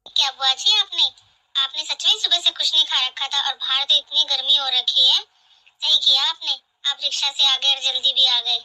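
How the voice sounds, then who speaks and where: A woman voicing a kind young daughter-in-law in an animated family drama, speaking gently and earnestly. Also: sits high, normal speed, low-quality recording. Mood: pleading.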